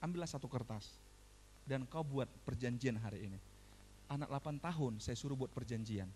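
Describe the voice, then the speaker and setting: A man preaching a sermon as pastor, telling stories in a conversational way with rhetorical questions, dropping to a hush and then rising loud. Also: mid-range voice, fairly quick, slight background noise. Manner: animated storytelling, swinging from hushed to loud.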